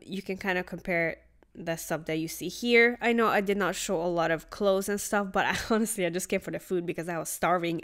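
At an outdoor night market, a woman travel vlogger chats casually about the food as she tastes it. Her voice sits at a medium pitch with a clean tone.

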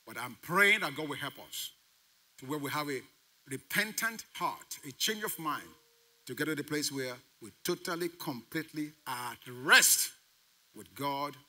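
A man preaching with a high, very bright, piercing voice. His pitch leaps up and down as he drives home repeated phrases and fires questions at the congregation. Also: lively intonation, measured pace. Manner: emphatic preaching with call-and-response questions to the congregation; repeats key phrases for emphasis. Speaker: pastor. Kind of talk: sermon.

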